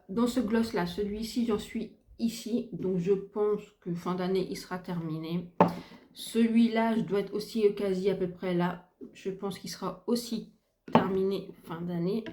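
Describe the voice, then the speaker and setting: A woman's voice: mid-range voice, fairly even intonation, normal speed, roomy sound, heavy background noise. A middle-aged woman in casual makeup review chat, gushing and repeating herself with many fillers, filmed at home by a window. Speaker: beauty vlogger. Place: home room by a window, ring light. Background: faint sounds of kids gaming and neighbour's renovation.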